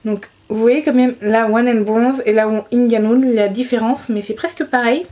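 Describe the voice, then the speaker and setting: Chatty young woman, fairly high voice. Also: steady tone, moderate pace, mellow. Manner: chatty, enthusiastic, many fillers and restarts. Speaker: beauty vlogger. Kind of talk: casual monthly favorites chat.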